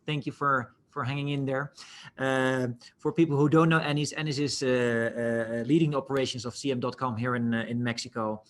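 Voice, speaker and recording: A man's voice: medium pitch, fairly even intonation, moderate pace. Man moderating over a video call. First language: Dutch. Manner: polite, courteous, hesitant with many restarts. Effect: heard over a video call. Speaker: webinar moderator. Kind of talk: formal panel moderation.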